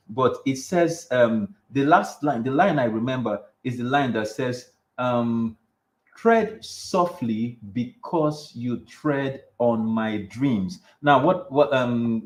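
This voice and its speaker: A man's voice: medium pitch, a little mellow. A man giving relationship advice in casual chat, rambling with many restarts. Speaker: show host. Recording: echoey room.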